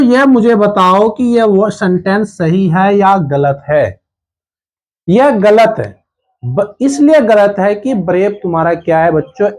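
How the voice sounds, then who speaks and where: A man teaching a grammar lesson to children, asking them questions and answering them himself, repeating the key words again and again. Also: high-pitched.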